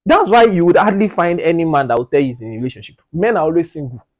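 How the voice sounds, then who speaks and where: Speaking quickly, a male podcast co-host in a casual studio group discussion comes across lively and insistent. He repeats "do you understand?" with animated emphasis, then drops to a low, hushed tone to press a point.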